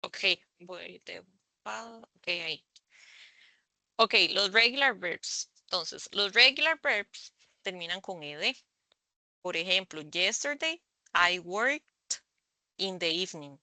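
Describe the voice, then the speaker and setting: A woman tutoring English over a video call, explaining slowly and patiently, often checking in with the students. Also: fairly low pitch, expressive, pushed and bright, dry recording. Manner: slow, patient explaining with frequent "¿verdad?". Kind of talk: online tutoring session. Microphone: computer mic on a video call.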